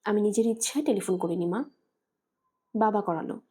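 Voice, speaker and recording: A woman's voice: mid-range voice, brisk, dark tone, husky, natural voice. A woman voicing a young daughter who reasons patiently with her angry mother. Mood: pleading. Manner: patient, pleading.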